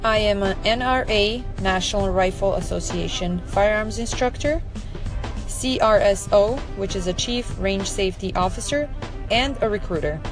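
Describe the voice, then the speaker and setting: A woman's voice: medium pitch, normal speed. Upbeat Serbian woman with background music. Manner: upbeat, enthusiastic, direct. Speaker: firearms instructor. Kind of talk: recorded voice message to followers.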